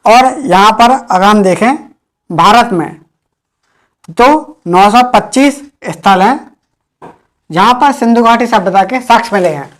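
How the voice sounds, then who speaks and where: A woman's voice: mid-range voice, animated. Woman lecturing for exams, says stuff twice, asks questions then answers them. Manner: repeats key points slowly, drilling with questions. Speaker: teacher. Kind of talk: exam-prep history lecture.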